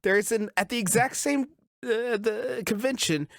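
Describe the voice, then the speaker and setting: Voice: mid-range voice, moderate pace, creaky, no room sound. A podcast co-host chatting casually about a film, laughing often and swearing loosely. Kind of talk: casual comedic film discussion.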